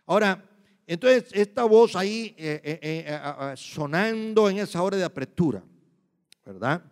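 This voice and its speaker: This preacher has a high voice with lively intonation and an unhurried delivery. He delivers his sermon emphatically in bursts, moving from loud to quiet, repeating himself and checking with the audience. A long hall reverb surrounds the sound.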